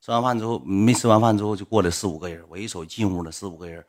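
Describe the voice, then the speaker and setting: A man telling a story casually, in animated slang that swings into loud retorts. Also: fairly low pitch, very fast.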